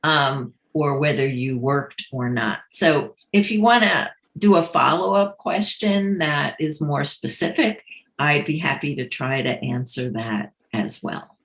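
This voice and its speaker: Low, unhurried woman with a New York accent. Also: echoey room. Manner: relaxed and conversational, frequent ums. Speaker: career coach. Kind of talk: live Q&A advice session.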